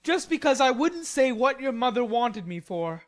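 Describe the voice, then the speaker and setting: A woman's voice: sits high, big pitch swings, normal speed, pitched above the performer's own voice. A woman voicing a wilful, hot-tempered teenage boy in an audiobook, protesting emphatically. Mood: indignant. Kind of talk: audiobook character reading.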